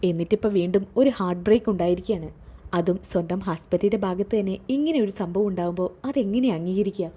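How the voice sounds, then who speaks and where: A calm woman doctor who breaks difficult news carefully, voiced by a woman. She speaks in a measured, reassuring way, with a warm, husky tone. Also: medium pitch, close to an everyday voice. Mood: grave.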